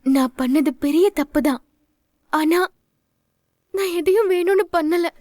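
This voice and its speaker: A woman's voice: very high-pitched, measured pace, dark tone, dry recording, clean studio sound. A woman voicing a hurt pleading wife. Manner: pleading, tearful. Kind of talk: Tamil serial dub acting.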